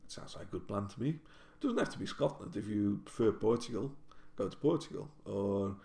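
This university librarian from the Netherlands, a native Dutch speaker, vlogs casually to camera at home in his kitchen, rambling with lots of self-corrections and restarts. His fairly low voice is expressive, creaky and warm, and fairly quick. Sound comes from a built-in camera mic at desk distance, with the kitchen's roomy echo.

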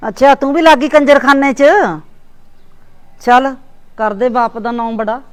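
An actress playing a taunting, sharp-tongued aunt in a Punjabi village drama, speaking with a Punjabi accent. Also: female voice, high voice, a little slow. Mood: scornful. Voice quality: scolding, taunting. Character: sharp-tongued scornful aunt of middle age. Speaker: visiting aunt.

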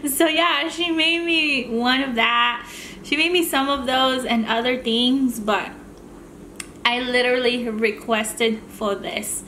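A woman with a high-pitched, sharp voice talks slowly while hosting a mukbang video. She chats and rambles casually between bites as she eats on camera, with slight background noise audible.

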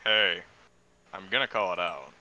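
A man's voice: low-pitched, expressive, unhurried, pushed and bright, dull audio. A man co-hosting a stream, joking and defending himself in casual banter. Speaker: co-host on stream.

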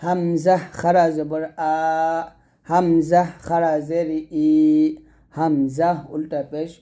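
A man from Bangladesh teaching Quran reading, spelling out letters and vowel marks slowly in drills before speaking more quickly to his viewers. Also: fairly high pitch, little pitch movement, warm tone. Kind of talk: slow drilled recitation lesson.

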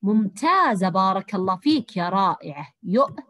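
A woman teaching a lesson to young girls, praising each answer and sounding out words slowly. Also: medium pitch, sing-song. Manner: warm praising teacher, drawn-out encouraging words. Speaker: primary school teacher. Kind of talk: online Arabic language lesson for young girls.

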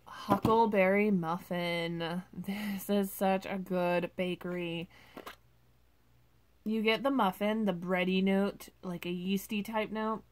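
A woman's voice: mid-range voice, steady tone, slow. A woman vlogger casually reviewing wax melts at home, chatty and gushing, with many ums and likes.

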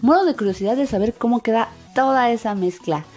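A woman's voice: a little high, a little fast, a little mellow. A woman narrating a hands-on craft video for children in an enthusiastic, sing-song way. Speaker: host of a slime craft channel. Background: background music.

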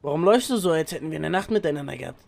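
A man's voice: on the high side, expressive, rapid-fire, gravelly, darkish tone. A man playing a brash, crude street hustler who teases everyone with vulgar jokes in a game roleplay. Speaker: roleplay streamer.

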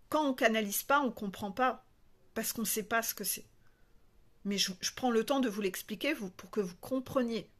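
Speaking at a medium pitch with a fairly bright tone, a woman spiritual coach chats casually to her viewers. She's frank and lively, and she breaks into little acted-out scenes throughout.

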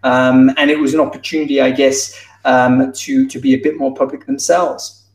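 Over a video call on wired earbuds, a keynote speaker in his thirties gives a conference address in a loose, conversational style full of fillers and restarts. He speaks at normal speed with a medium pitch and flat delivery, and the audio sounds roomy and distant.

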